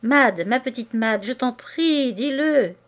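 A woman's voice: fairly high pitch, lively intonation, takes it slowly. A jealous young husband, insistent and needling, nags his wife again and again, as a woman narrator reads his lines. His questions come in a pressing, pointed tone, read in a classic novel audiobook. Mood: insistent, teasing.

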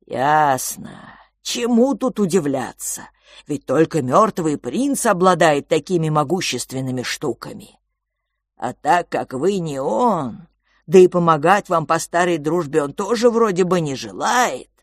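A woman voicing a calm, weary old male sage who reasons slowly and sighs between thoughts. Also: low voice, dry recording, clean studio sound. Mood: weary reasoning. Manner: measured, sighing, reasoning.

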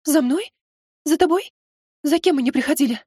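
A man reading an audiobook, voicing a frightened, tender young mother in a trembling cooing falsetto. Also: moderate pace, no room sound, clean studio sound. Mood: panicked.

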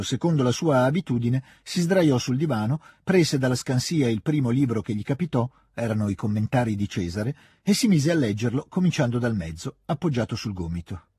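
A man giving a calm, measured scripted reading of a classic novel. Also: medium pitch, slightly rough, dry recording, studio quality. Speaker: reader. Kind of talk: scripted literary narration.

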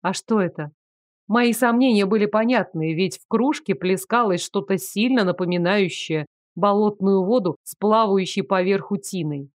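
Female audiobook narrator, first-person fantasy, expressive; dry close sound. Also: medium pitch, normal speed, no room sound.

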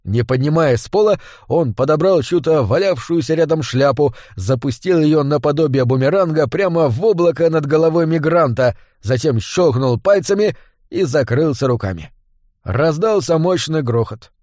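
Audiobook narrator, man, slightly high voice, dry close-mic sound. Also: animated, moderate pace, dark tone, dry recording.

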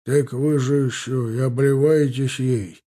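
A man voicing an older male army orderly, eager and folksy, speaking loudly. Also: medium pitch, steady tone, measured pace, lightly acted. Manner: loud, folksy servant's talk.

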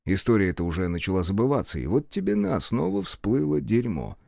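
Expressive male audiobook narrator. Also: on the low side, fairly quick, creaky, no echo, studio quality. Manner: expressive storytelling.

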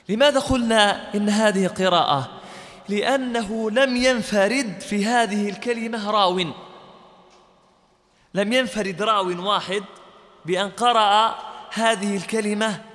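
High-voiced man teaching in an echoey hall. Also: a bit bright. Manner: explains step by step, quizzes listeners with questions; chants short verse quotations in lesson. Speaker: Quran recitation teacher. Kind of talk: classroom lecture.

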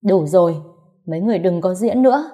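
A woman voicing a bitter, ailing elderly mother-in-law who shouts resentfully in a rapid rush. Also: lowish voice, lively intonation, close to an everyday voice. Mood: furious.

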